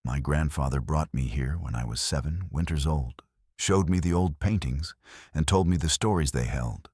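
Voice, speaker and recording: A man voicing a stern, weathered old Apache elder who speaks in a grave, measured, formal way. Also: rumbling low, a little mellow, breathy edge, no echo, clean studio sound.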